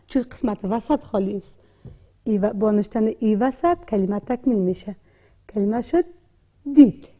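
High-voiced woman w/ afghan dari accent teaching reading, slow and patient, kinda mellow tone. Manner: patient, repeats words slowly, many hesitation sounds. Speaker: literacy teacher. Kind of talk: classroom lesson.

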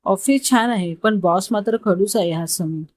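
A woman's voice: mid-range voice, normal speed, a little mellow, no room sound, natural voice. A woman storyteller voicing a polite, apologetic young woman new at an office, in a dry, close recording.

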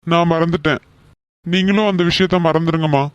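A woman doing a gentle, patient cartoon son. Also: on the low side, fairly even intonation, fairly quick, clear, resonant tone, no room sound, highs cut off, pitched below the performer's own voice, lightly acted. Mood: gentle reasoning. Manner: soothing, patient, persuasive. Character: calm young man, gentle reasoning son. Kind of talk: cartoon voice acting.

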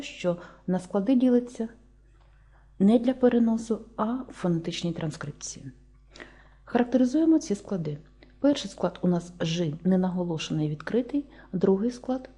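Dark, husky Ukrainian woman teaching. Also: fairly low pitch. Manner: slow, deliberate, spelling out sounds one by one. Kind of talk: lesson.

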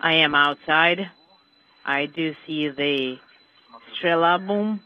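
A man interpreting a spacewalker's calls live over a radio transmission, relaying each short call in a measured, careful way. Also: on the high side, slight background noise. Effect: radio transmission from space, like a communicator. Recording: dull lo-fi radio link.

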